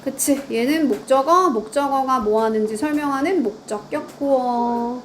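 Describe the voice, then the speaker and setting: A woman's voice: sits high, moderate pace, a little hiss or hum. A woman teaching grammar in a lecture, quizzing her students and answering her own questions.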